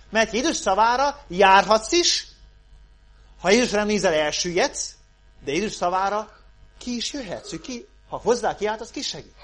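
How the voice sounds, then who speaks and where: A man preaching a sermon, moving from loud calls down to hushed pleas. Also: sits high. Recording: mains hum underneath.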